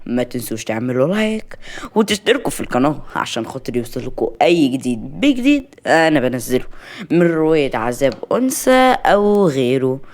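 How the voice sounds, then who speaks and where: A woman's voice: a bass voice, darkish tone. A woman with an Egyptian accent narrating a novel on a story channel.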